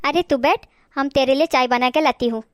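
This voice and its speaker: A woman's voice: high voice, fairly quick, no echo, clean studio sound, lightly acted. A woman voicing a blunt, stingy middle-aged aunt who talks in a scolding, dismissive way.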